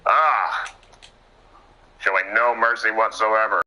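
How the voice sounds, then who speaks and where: A man doing play-by-play wrestling commentary, excitable and stumbling over words, laughing at his own slips. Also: fairly low pitch, slow, rough recording.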